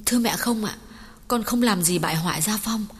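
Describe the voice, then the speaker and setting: A woman voicing a resolute young village woman in an audiobook, speaking calmly, earnestly and respectfully. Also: medium pitch, a little fast, husky, big-room sound, natural voice.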